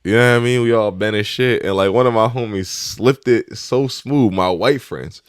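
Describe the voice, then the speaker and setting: A young man with a fairly low voice, co-hosting a podcast in a loose, casual chat. He tells stories with animated, profane energy. The recording is close and dry. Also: moderate pace, smooth, no room sound. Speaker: podcast co-host.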